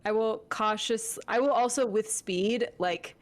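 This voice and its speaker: A woman's voice: on the high side, unhurried. A woman chatting casually as a player in a tabletop role-playing game.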